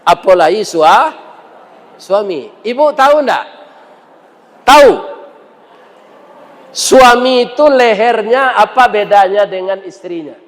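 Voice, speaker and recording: High-voiced preacher, slow and joking. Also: male voice, expressive. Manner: jokey, teasing the audience with questions. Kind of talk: humorous sermon with storytelling. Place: large mosque hall. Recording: reverberant mosque hall.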